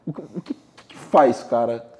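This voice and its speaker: A man's voice: mid-range voice, moderate pace, a little mellow. A man hosting a podcast, telling a reflective story in an informal, conversational way. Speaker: podcast host. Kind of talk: casual podcast interview.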